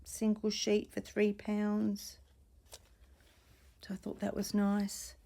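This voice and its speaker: A woman chatting casually in a soft, mellow voice that is a little croaky. She rambles gently through a show-and-tell and often sinks to a near-whisper. She is recorded on a desk camera in a small home room. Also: medium pitch, monotone, takes it slowly. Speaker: vlogger showing vintage finds. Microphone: camera or tablet on a desk.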